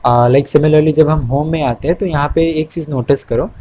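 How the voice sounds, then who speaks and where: A man's voice: fairly high pitch, fairly even intonation, moderate pace, warm tone, slight background noise, rough recording. A young man, teaching a screen-recorded spreadsheet tutorial in a patient way. He repeats key terms and often checks in with the viewer. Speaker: Excel instructor. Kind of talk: screen-recorded tutorial, mixing Hindi and English.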